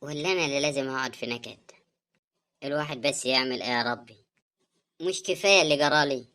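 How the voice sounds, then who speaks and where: A woman voicing a tired young widow in an animated drama, speaking Egyptian Arabic in a pleading, defensive way. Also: a bass voice, fast talker. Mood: weary, defensive.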